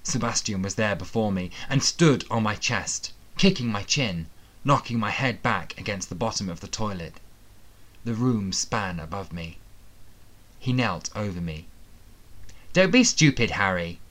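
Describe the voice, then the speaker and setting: A man with a fairly low voice reads a fantasy thriller audiobook in the first person. His delivery is steady and dramatic, built for storytelling. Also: a little slow. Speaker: audiobook narrator. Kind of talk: first-person scripted narration.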